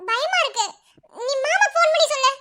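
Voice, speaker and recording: A woman's voice: very high voice, animated, a little fast, sharp tone, a little hiss or hum, exaggerated voice. A woman voicing an anxious young village wife with a Madurai Tamil accent in a cartoon, fretting and asking worried questions. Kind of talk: cartoon voice acting.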